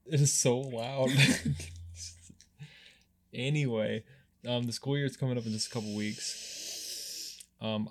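A man's voice: on the low side, bright, forceful tone. A young man co-hosting a podcast and chatting casually as a teacher, meandering and hesitant, with many fillers and restarts. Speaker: podcast co-host, high school teacher.

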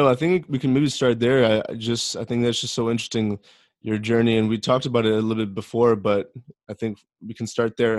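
A man's voice: fairly low pitch, darkish tone, dry recording, clean studio sound. A man hosting a podcast, laid-back and slangy, calling his guest "bro" and "my man". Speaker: podcast host. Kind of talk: casual interview.

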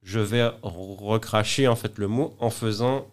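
Guy chatting in an interview, low-ish voice, keeps repeating words, trips over himself a lot. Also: measured pace. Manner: hesitant, many repeated words and restarts. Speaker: interview guest. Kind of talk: casual conversation.

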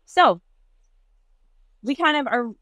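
A woman's voice: high voice, expressive, takes it slowly, fairly bright tone, no room sound, low-quality recording. Woman rambling earnestly into her headphone mic. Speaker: podcast host, business owner. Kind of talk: unscripted solo podcast monologue, casual and motivational. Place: inside a moving truck while driving. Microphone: headphones used as the mic.

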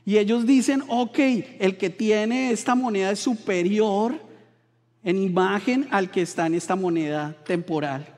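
A man from Colombia, a pastor preaching a sermon in church, telling stories with animated quoted voices. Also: sits high, unhurried, long reverb tail.

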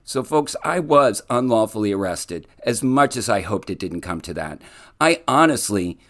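A man's voice: fairly low pitch, very animated, normal speed, fairly bright tone. A man hosting his own solo podcast, talking earnestly in legal terms and often restarting his sentences. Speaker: podcast host.

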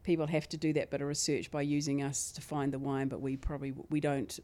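A woman with a New Zealand accent talks casually as a podcast guest, chatty and quick to laugh. Her voice is notably low for a woman. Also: little pitch movement, mellow. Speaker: guest from a wine website. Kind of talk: casual interview chat.

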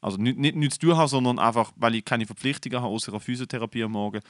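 A man's voice: medium pitch, very fast, no echo, studio quality. A young man telling stories in a casual chat, swearing freely and dropping English slang. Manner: animated retelling, swears a lot, mixes in English slang. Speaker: podcast co-host.

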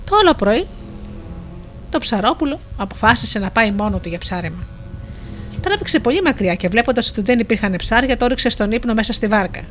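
A woman storyteller reading a fairy tale in a calm, measured way. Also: fairly high pitch, soft background music. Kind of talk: storybook narration.

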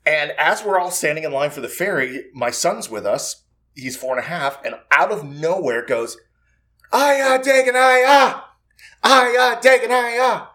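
Studio chat: thirties man, bright, swinging voice, animated storyteller who laughs a lot. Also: a little high, moderate pace. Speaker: podcast cast member. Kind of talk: casual chat. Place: podcast studio.

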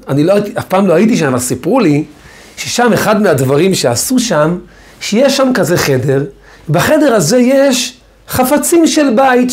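A man as a rabbi telling a teaching story, leans on words by repeating them. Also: high-pitched. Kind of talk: Torah lesson.

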